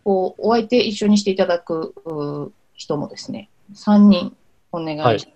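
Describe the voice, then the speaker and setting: A woman interpreter speaking as a podcast guest in a relaxed, thoughtful way, often pausing on soft fillers. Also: lowish voice.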